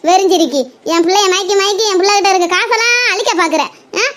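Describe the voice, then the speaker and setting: A sharp, piercing older mother-in-law, voiced by a performer, who rattles off complaints at speed. She speaks, scolding everyone around her in a comedy skit. Her voice stays high and shrill throughout. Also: fast. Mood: furious.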